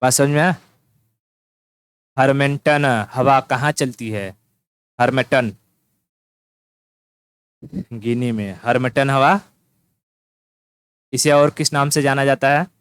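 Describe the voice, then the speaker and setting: A man's voice: medium pitch, slow pace, long pauses, smooth. A man teaching an informal exam-prep lesson, teasing the listener and repeating key words as he writes them down. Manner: teasing, repetitive, addresses listener as "tu".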